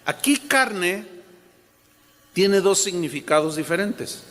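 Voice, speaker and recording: A pastor preaches in a high, unhurried voice. He stresses and repeats key words and speaks straight to his congregation. The sound carries a long reverb from the hall. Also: expressive, fairly bright tone. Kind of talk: sermon.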